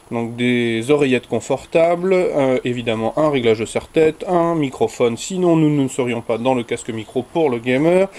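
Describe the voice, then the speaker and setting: A man's voice: medium pitch, darkish tone. A young man hosting a casual unboxing video, rambling and often correcting himself with little jokes. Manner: rambling, self-correcting, jokey. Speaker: tech video host unboxing a headset.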